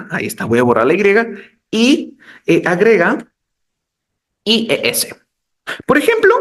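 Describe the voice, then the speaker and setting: Brief: upbeat male grammar teacher, high voice that swoops around, chatty with students. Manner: animated, addresses students as "chicos". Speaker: English teacher. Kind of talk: lesson explanation.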